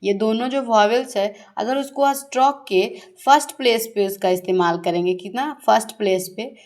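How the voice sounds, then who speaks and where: A woman teaching a shorthand lesson. She asks her pupils questions, answers them herself, and repeats the key words slowly. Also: a little high, darkish tone. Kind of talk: classroom-style shorthand lesson.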